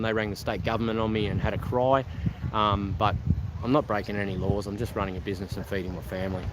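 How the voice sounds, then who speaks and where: A man's voice: on the low side, heavy background noise. A man with an Australian accent, live-streaming casual chat to viewers at an outdoor car show, rambling with lots of ums and restarts.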